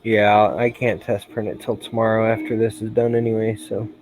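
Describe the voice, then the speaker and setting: A man's voice: lowish voice, moderate pace, background noise. A tired man hosting a casual livestream, chatting loosely with a regular viewer and sighing between thoughts. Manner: relaxed, rambling, sighs often. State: tired, yawning. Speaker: livestream host.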